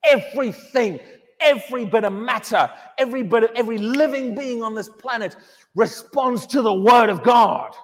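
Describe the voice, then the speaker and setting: A man with a fairly high voice preaches in a church, pressing his points with questions and repeated words. A long reverb trails after each phrase. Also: normal speed. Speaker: pastor. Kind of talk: sermon.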